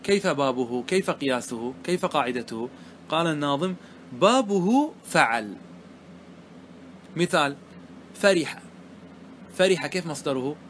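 Rather high-voiced man teaching grammar. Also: normal speed, pauses often, slight background noise. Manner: patient, asks and answers his own questions. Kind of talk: explaining a grammar poem.

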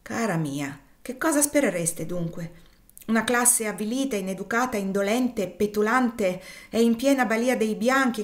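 A woman voicing a worldly, jovial gentleman in a read-aloud novel, reasoning calmly and with irony. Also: mid-range voice, pitched above the performer's own voice, natural voice.

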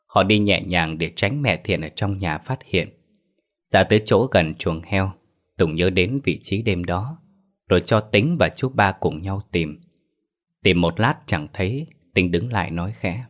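A man narrating a village story in a steady, measured way. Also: sits low.

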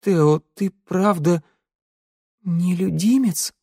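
A male narrator voicing a timid young woman who speaks in a crying, high voice. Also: takes it slowly, creaky, darkish tone, breathy edge, exaggerated voice. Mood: tearful.

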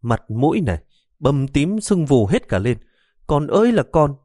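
A man's voice: mid-range voice, animated, measured pace, a little mellow, dry recording, studio quality, lightly acted. A man voicing a fussy, worried old mother who nags and scolds her grown son. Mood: frantic worry. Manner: scolding, fretful.

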